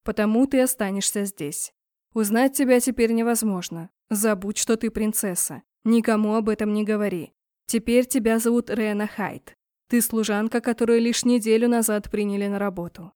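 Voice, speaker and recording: A woman's voice: mid-range voice, steady tone, normal speed, warm tone, no echo, studio quality, lightly acted. A woman voicing a weary young male prince who speaks in short, clipped phrases, in a storybook reading. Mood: stern.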